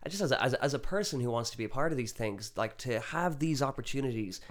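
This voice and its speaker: Man, west of Ireland accent, middling pitch, casual interview chat, enthusiastic storyteller. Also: lively intonation, fast talker. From Galway, west of Ireland. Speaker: interview guest, musician and performance poet.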